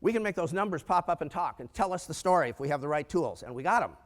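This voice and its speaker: In a large, echoey conference room, an older man from the United States delivers a lively keynote on business finance. He talks fast in a slightly high voice, tossing out rhetorical questions and funny asides.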